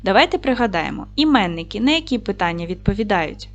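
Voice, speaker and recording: Lively-voiced woman teaching young children. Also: medium pitch, highs cut off, soft background music. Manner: clear, slow, encouraging classroom delivery. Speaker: primary school teacher. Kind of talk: video lesson for young children.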